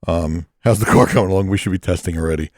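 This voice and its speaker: A man's voice: sits low, fast, a little mellow, no echo. A man hosting a podcast from a studio, easygoing and joking as he runs the show. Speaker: podcast host. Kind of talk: casual studio chat.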